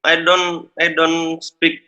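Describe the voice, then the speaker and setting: A man from Indonesia with an Indonesian accent, a caller speaking halting, broken English. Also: on the high side, monotone, pushed and bright, highs cut off.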